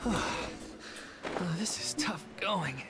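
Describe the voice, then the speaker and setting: A woman's voice: fairly low pitch, animated, drawn-out words, over loud music. An actress playing an earnest, caring young woman companion in a studio game.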